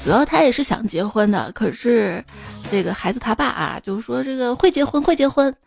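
A woman's voice: fairly high pitch, lively intonation, brisk, vocal fry, a little mellow. A woman hosting a podcast, reading jokes aloud and chatting about them with listeners in a playful, conversational way. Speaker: podcast host. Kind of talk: reading jokes with casual commentary. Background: faint background music.

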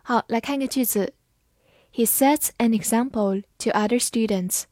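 A woman teaching English vocabulary, spelling each word letter by letter and reading example sentences slowly for practice. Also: fairly high pitch, darkish tone, no room sound, clean studio sound. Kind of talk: vocabulary lesson.

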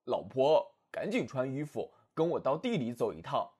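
A man voicing a small, proud, quick-witted male hedgehog in a storybook reading, in a slightly lowered, husky voice. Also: very animated, darkish tone. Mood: bossy. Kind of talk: storybook narration.

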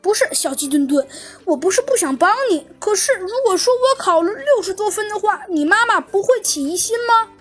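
A woman's voice: very high voice, animated, a little fast, faint music behind, pitched above the performer's own voice. A woman voicing a fretful monkey sheriff. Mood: worried. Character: earnest, worried young monkey sheriff.

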